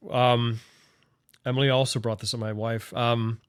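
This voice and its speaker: A man's voice: mid-range voice, level tone, normal speed, smooth. A man in his late thirties co-hosting a podcast, in loose, profane, laughing banter. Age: late 30s. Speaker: podcast co-host. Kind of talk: casual chat.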